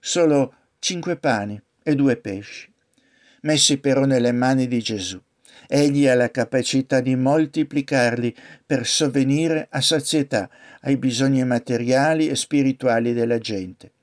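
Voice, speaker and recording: A man preaching a sermon and leading a prayer, solemn and deliberate. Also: medium pitch.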